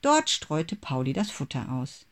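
A narrator with a medium-pitched voice reads a children's Christmas story aloud, measured and expressive.

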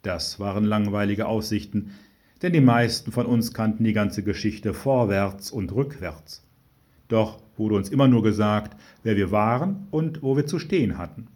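A man narrating a story in a calm reading voice, with dry humor. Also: lowish voice, moderate pace. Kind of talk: scripted narration.

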